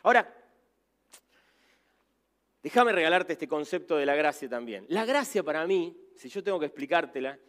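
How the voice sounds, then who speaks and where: Rioplatense pastor, 50s, man, high voice, lively swinging delivery, storytelling sermon. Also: normal speed, pauses often. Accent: Rioplatense Spanish. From Argentina. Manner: animated storytelling, acts out voices.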